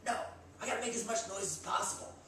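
With a very high voice and a quick pace, this twentysomething man hosts a comedy sketch, playing a cocky meathead giving fake gym advice. His tone is fairly bright. A distant camera records him in a small indoor room against a bare wall, leaving the audio echoey with slight background noise.

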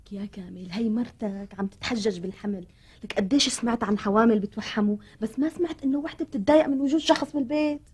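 An actress with a Syrian Arabic accent playing a stubborn second wife who curtly refuses to leave. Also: female voice, on the high side, fast, a little mellow, slightly rough. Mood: defiant. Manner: defiant, curt refusals. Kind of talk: TV comedy acting.

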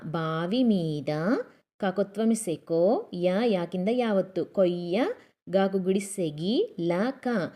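Slow, patient woman teaching kids to read. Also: lowish voice, darkish tone. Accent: Telugu. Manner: patient, spells out each syllable and blends it into words. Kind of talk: slow syllable-by-syllable reading lesson for children.

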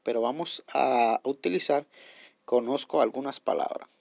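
A man's voice: medium pitch, normal speed, creaky, darkish tone. A man hosting a step-by-step app tutorial. He explains patiently, repeats himself, and keeps checking in with his viewers. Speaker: tutorial host.

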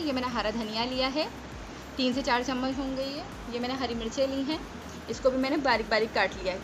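Woman cooking host, pitched a bit high, chatty step-by-step tutorial, noisy home kitchen recording on a phone. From Pakistan. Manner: chatty, checks in with viewers.

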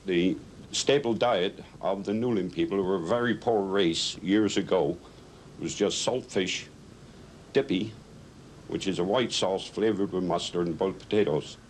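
A man's voice: low voice, normal speed, a little hiss or hum, poor audio. A man, explaining the local ice works in a plain, matter-of-fact way. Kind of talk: documentary interview.

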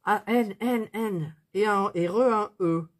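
A woman's voice: medium pitch, takes it slowly. A woman chatting casually through a craft tutorial, thinking aloud as she works. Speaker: craft vlogger.

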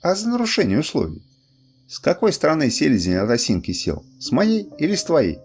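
A man voicing a calm, good-humored father who teases his son on a hunt. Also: fairly high pitch, fairly quick, husky, soft background music, heavily acted. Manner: teasing, instructive.

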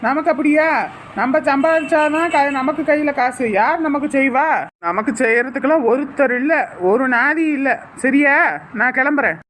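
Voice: high-pitched, fast, a bit bright, a little hiss or hum. A performer plays a stingy village husband who talks in a brusque, scolding way.

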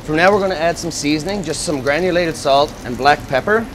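A man's voice: fairly high pitch, brisk, noisy background. A man, an executive chef explaining a dish step by step in a restaurant kitchen, on a lapel mic. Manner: steady instructive step-by-step explaining. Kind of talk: cooking demonstration. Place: restaurant kitchen at a gas range.

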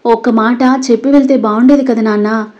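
A woman's voice: a little high, fairly even intonation, brisk, mellow, muffled recording, lightly acted. Woman reading a fretful old grandmother. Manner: fretful and scolding. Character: anxious loving grandmother.

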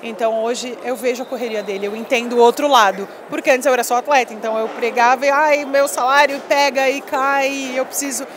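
A woman's voice: on the high side, fairly even intonation, fairly quick, hardly any pauses, background noise. A woman in her thirties, a former volleyball player, chatting emphatically in an interview on a handheld mic at a busy expo hall, dropping lots of little fillers. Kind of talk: casual interview. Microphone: handheld mic held by interviewer.

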